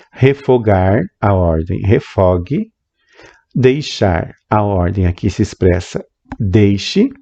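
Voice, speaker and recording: Slow, low-voiced man teaching grammar. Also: mellow. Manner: slow, repeats points to drive them home. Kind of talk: grammar lesson. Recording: dull lo-fi recording.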